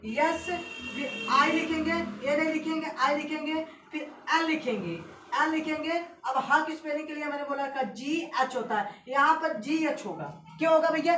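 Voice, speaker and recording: A woman teaches a classroom lesson in a high, clear voice, often pausing to ask whether her students follow. She spells out letters slowly and with emphasis. The sound is roomy and distant, with a faint hiss underneath. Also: fairly bright tone. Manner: repetitive, keeps checking students understand. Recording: echoey room from far off, faint hiss.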